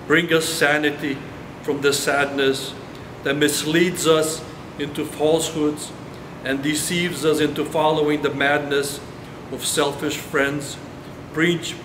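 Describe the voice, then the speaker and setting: A man with a fairly high voice reads his poetry in an unhurried, measured way. The recording is roomy and reverberant, with a steady air-conditioning hum behind him. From Brazil. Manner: slow, measured recital. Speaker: poet. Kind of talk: poetry reading.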